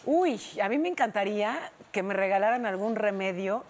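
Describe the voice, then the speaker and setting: A woman's voice: mid-range voice, lively intonation, moderate pace. A woman co-hosting a talk show, playfully complaining in casual chat.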